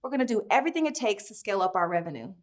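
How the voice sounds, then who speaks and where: A woman's voice: medium pitch, lively intonation, racing. A woman speaking as a company founder in a scripted promotional interview, with a polished, upbeat sales delivery. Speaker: company founder pitching to investors.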